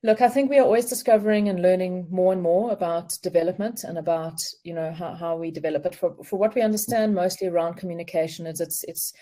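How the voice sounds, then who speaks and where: A woman speaking as a relationship expert on a video call, explaining in a calm, measured way. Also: fairly low pitch. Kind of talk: remote interview, explaining.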